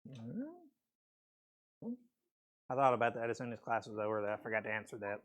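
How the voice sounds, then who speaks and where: A man's voice: on the low side, steady tone, fairly quick, a bit bright. A man teaching a math class, explaining step by step in a casual way with frequent okays, his voice a bit weak and a peppermint in his mouth. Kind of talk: classroom lecture.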